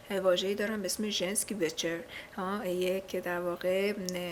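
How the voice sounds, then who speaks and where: A woman whose first language is Persian teaches a language in a casual spoken lesson, explaining patiently, using lots of fillers, and checking often on her students. Her voice is medium-pitched, with a little hiss or hum in the background.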